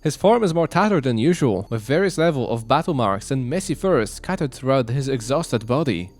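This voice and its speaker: A man's voice: mid-range voice, lively intonation, fairly quick, a little mellow, soft background music. A man hosting and narrating a visual novel read-along with a playful manner. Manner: playful, reads then breaks into jokes. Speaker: channel host and narrator.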